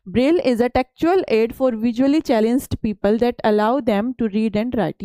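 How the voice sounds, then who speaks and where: A woman science teacher explaining slides to children, reading the lines slowly and then talking them over in Hindi. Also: fairly high pitch, mellow, no room sound, low-quality recording. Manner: calls students beta and asks them questions. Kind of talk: classroom lesson explaining slides.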